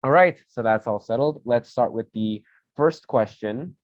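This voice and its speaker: The unhurried, mid-range voice belongs to a young adult man moderating a relaxed student video chat; he's friendly, rambles, and corrects himself. Sound is dull, dry, lo-fi call audio.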